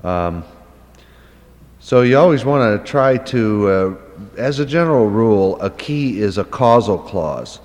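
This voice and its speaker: A man with a low voice teaches at an unhurried pace, working through his points aloud. He fills pauses with "uh" and "um" and often poses a question before answering it. His voice rings out with long reverb, as in a hall. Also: lively intonation, darkish tone. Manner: thinking aloud with frequent fillers; explains terms by asking and answering questions. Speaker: Hebrew Bible teacher. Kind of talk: unscripted lecture.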